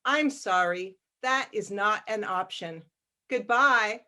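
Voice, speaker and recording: A woman's voice: medium pitch, slow pace, pushed and bright. A woman voicing an automated phone menu that gives polite, scripted prompts, in a script reading. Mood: prompting.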